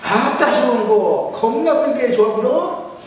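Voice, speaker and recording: A man putting on a Jeolla dialect as a rustic countryman, loud and exclamatory, drawling. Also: very high-pitched, animated, a little slow, pitched above the performer's own voice. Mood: jubilant. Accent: Jeolla dialect, put on. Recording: echoey church hall, mic far off.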